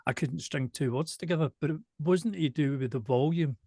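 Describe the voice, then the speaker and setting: A man from Glasgow with a softened Glaswegian accent, speaking slowly and precisely in a casual interview. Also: on the high side, dry recording. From Glasgow, Scotland. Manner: slow, careful, deliberate delivery with restarts. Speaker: show presenter and singer, interviewee.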